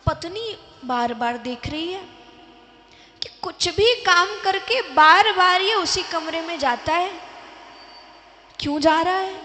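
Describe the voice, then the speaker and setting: Animated woman devotional storyteller, slow and bright, recorded in a reverberant hall. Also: very high-pitched. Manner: animated storytelling, acts out voices. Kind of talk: religious discourse storytelling. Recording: echoey hall with long reverb.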